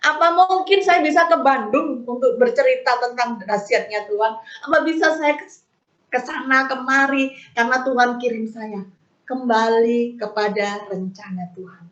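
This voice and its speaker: A middle-aged woman giving a testimony sermon at a prayer meeting, lively and acting out her own prayers in a raised voice. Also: fairly high pitch, moderate pace. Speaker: guest speaker at a prayer meeting. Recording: dull, roomy sound.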